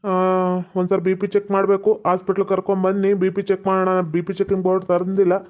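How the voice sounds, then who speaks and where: A man's voice: high voice, monotone, fairly quick, natural voice. A man voicing a boastful, reassuring village doctor in a cartoon. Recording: dull lo-fi sound.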